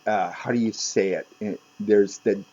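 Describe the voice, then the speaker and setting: A man with a low, mellow voice talks unhurriedly, stopping and restarting his sentences as he goes. The recording is dull and lo-fi, with a faint hiss underneath. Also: steady tone. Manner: halting, many fillers and restarts. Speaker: author and channel host. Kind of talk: casual rambling monologue. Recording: dull lo-fi with faint background noise.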